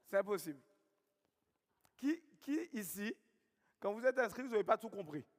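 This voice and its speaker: Leading a sales seminar, a high-voiced man with a Guadeloupean French accent speaks at a moderate pace with big pitch swings. This network marketing trainer repeats his points and fires questions at the crowd, while a big hall's long reverb surrounds his voice.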